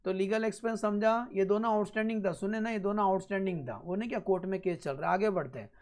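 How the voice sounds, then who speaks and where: A man teaching an accounting class, repeating each point slowly and often checking that students follow, with blunt joking asides. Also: sits high, darkish tone. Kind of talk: classroom lecture.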